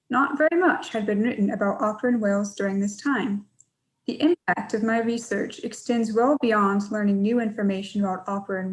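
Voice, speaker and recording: A young woman from Georgia, a PhD student, giving a measured, prepared scholarship talk. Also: medium pitch, a little mellow, rough recording. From Georgia, USA.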